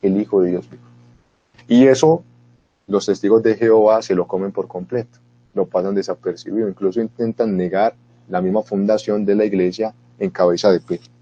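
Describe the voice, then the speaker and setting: A man with a low, mellow, husky voice teaches a Bible lesson. He speaks straight to his listeners and rises with feeling when he quotes scripture. The recording is dull and lo-fi. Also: a little fast. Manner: earnest, animated when quoting scripture; talks to listeners directly with asides. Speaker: catechist.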